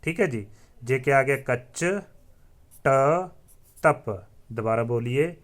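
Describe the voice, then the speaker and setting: Slow-talking male teacher. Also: mid-range voice. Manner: drills letters aloud and asks viewers to repeat; often says "theek hai ji" as a filler. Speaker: Hindi teacher. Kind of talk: slow classroom-style lesson.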